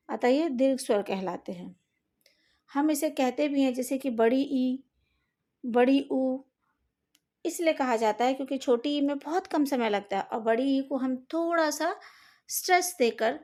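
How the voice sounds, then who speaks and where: A woman's voice: sits high, darkish tone. A woman teaching a recorded lesson, carefully sounding out each vowel and speaking directly to her students. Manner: speaks to students directly, asks them to fix slides. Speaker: Hindi teacher.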